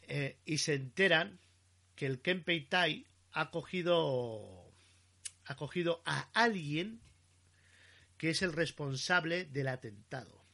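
A man, co-hosting a casual chat and retelling a story with animated storytelling. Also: on the high side, takes it slowly, gravelly. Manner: animated storytelling, acting out quotes.

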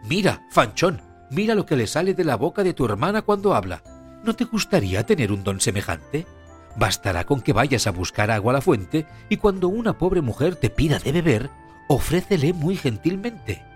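A man voicing a scheming, quick-tempered mother in a spoken fairy tale, raising his voice high and loud. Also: sing-song, faint music behind. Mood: commanding.

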